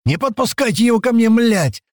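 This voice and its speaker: A panicked man shrieks high and loud after a snake bite, as an audiobook narrator puts him on. His yells are wildly lively and crack upward, recorded dry and close. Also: a little fast, no echo. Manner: shrieking, hysterical yelling. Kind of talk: audiobook character voice.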